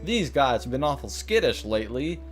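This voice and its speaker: A man's voice: medium pitch, very animated, moderate pace, soft background music, close to an everyday voice. A man voicing a friendly, apologetic cowboy rancher from a video game, reading the lines in an exaggerated imitation cowboy accent. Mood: apologetic, hurried. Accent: exaggerated imitation cowboy drawl. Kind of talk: hammy video game dialogue read-aloud.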